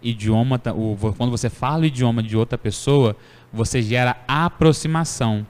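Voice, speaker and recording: A man hosting a casual podcast conversation, telling stories in a playful, animated way. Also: medium pitch, normal speed, clear, resonant tone, big-room sound. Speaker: podcast host.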